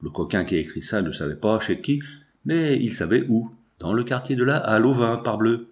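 A man's voice: on the low side, fairly quick, close to an everyday voice. A man voicing an eager, impulsive young painter in an audiobook. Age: young adult.

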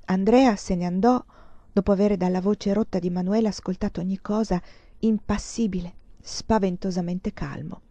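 A woman reading a novel aloud in an expressive, measured way. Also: medium pitch, dry recording. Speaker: reader.

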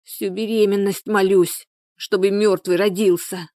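A woman's voice: mid-range voice, little pitch movement, measured pace, dark tone, dry recording, studio quality, natural voice. A woman voicing an exhausted, bitter peasant woman in labor who moans and speaks harshly. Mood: groaning bitter. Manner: moaning, harsh, desperate.

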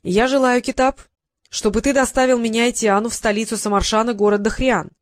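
A woman's voice: on the high side, fairly even intonation, fairly quick, natural voice. A woman reading an audiobook, voicing a stubborn, clever young male wizard with a firm, indignant manner. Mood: formal.

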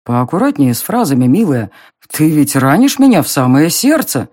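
A narrator playing a smug young nobleman who mocks and teases in an audiobook reading, with a slow, drawling, low delivery. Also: very animated, darkish tone. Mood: mocking.

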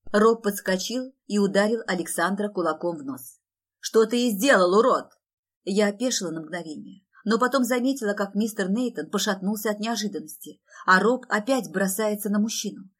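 A woman's voice: mid-range voice, a little fast, hardly any pauses. Female audiobook narrator, first-person novel, dramatic delivery.

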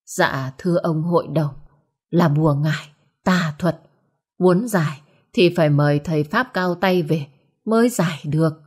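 A woman's voice: deep voice, unhurried, a little mellow, breathy edge. A woman voicing a cautious, grave old village healer in a storybook.

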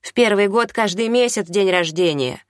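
Narrator doing a loud shrill bossy woman, nagging, dry close audiobook sound. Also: normal speed, dry recording, close to an everyday voice. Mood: scolding.

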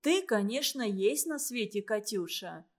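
A woman reading a storybook, voicing a kindly, portly middle-aged uncle who talks slowly and soothingly. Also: fairly high pitch, close to an everyday voice. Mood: tender.

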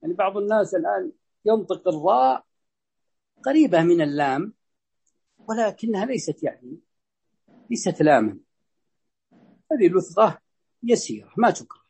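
A man teaching a religious lesson, explaining a legal text in a measured way and saying sample pronunciations aloud. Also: sits high, animated, creaky, darkish tone, breathy edge.

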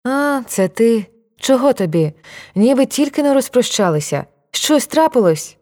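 A woman's voice: a little high, sing-song, unhurried, darkish tone, voice pushed up. A woman voicing an impatient young woman who answers in a brusque, mocking way.

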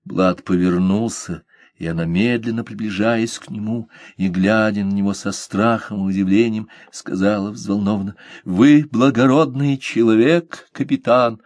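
A man reading an adventure novel aloud as narrator, in a steady, measured manner. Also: fairly low pitch, no echo. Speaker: audiobook narrator. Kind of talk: scripted narration.

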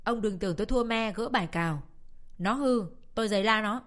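A woman voicing a harsh, short-tempered middle-aged mother who shouts and scolds in a dramatic audiobook reading. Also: medium pitch, brisk, natural voice. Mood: sneering. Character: harsh angry middle-aged mother, quick to beat her child.

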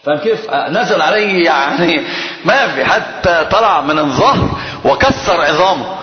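High-pitched guy teaching a religion class, talks quick, big echoey hall. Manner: animated storyteller who quizzes his students. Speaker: Islamic scholar teaching a class. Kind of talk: religious lesson with storytelling. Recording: echoey hall, dull lo-fi sound.

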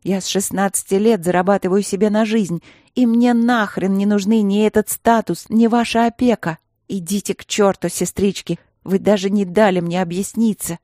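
A woman voicing a defiant young woman of twenty-three, snapping back in a hoarse voice. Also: medium pitch, fairly even intonation, normal speed, warm tone, dry recording, clean studio sound, voice pushed up, close to an everyday voice.

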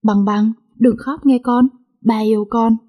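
A woman voicing a frail, dying old father who speaks slowly and tenderly to his daughter. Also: fairly high pitch, steady tone, mellow.

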